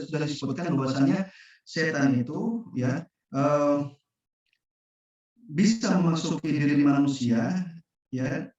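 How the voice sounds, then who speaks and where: Guy teaching quran online, kinda halting, keeps hunting for words, super echoey and far away. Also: a little high, a little mellow. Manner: halting, often searching for words. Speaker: religious teacher. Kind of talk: online Quran study talk. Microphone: video call. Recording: echoey, distant, muffled video call.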